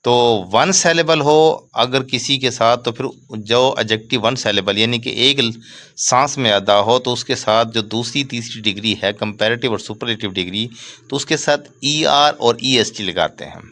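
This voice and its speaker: A man teaching English grammar in a lecture, speaking slowly and deliberately and spelling out letters and reading rules word by word. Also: medium pitch, sharp tone.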